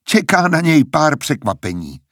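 A man's voice: fairly high pitch, sing-song, a bit bright, no echo, clean studio sound, pitched above the performer's own voice. A man voicing a brash, jealous young man who taunts and sneers, in an audiobook reading. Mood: sneering.

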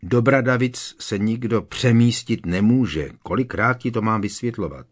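Impatient know-it-all schoolgirl witch from a storybook, read by a man in a low voice. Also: very animated, breathy edge, exaggerated voice. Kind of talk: audiobook reading.

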